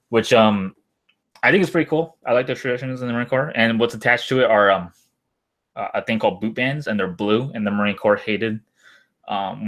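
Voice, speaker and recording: A young man with a fairly low voice talks off the cuff as a streamer. He rambles and hesitates, letting his sentences trail away in a loose, casual chat. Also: a bit bright. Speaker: live streamer, former Marine.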